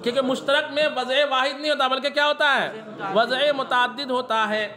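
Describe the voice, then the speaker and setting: A male religious teacher giving a classroom lecture, reading Arabic text slowly and then explaining it, often asking a question and answering it himself. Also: extremely high pitch, steady tone, bright, forceful tone.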